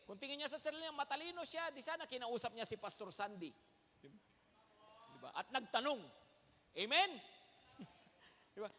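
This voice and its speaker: In a large church hall with long reverb, the pastor preaches emphatically in a mix of Tagalog and English, calling out "Amen?" to the congregation. His very high voice is bright and forceful.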